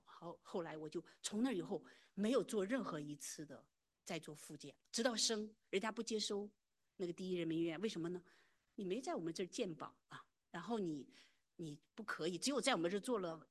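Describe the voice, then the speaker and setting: A woman's voice: on the low side, expressive, a little fast. A middle-aged woman telling a personal faith testimony in an earnest, emotional way, often sinking to a near whisper. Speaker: church member giving a testimony.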